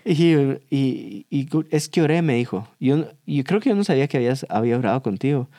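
A man's voice: medium pitch, fairly quick, no room sound. Guy in his 30s, co-host dad, tells stories w/ lots of acted-out quotes, dry sound. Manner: animated storyteller, acts out quotes. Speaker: co-host, father. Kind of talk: casual chat with devotional reflection.

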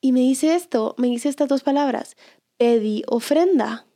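A woman's voice: high-pitched, normal speed. A woman, co-hosting a podcast and telling a family story in casual chat, acting out the voices of the people in it. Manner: animated, acts out her own and her son's lines. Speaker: podcast co-host, mother.

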